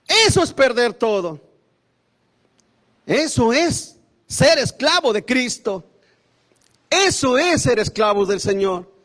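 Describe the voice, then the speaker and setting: A man delivering a fiery sermon as pastor, his voice sitting very high. He presses his points by repeating phrases and addresses listeners as brother. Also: sing-song, slow, long pauses, fairly bright tone.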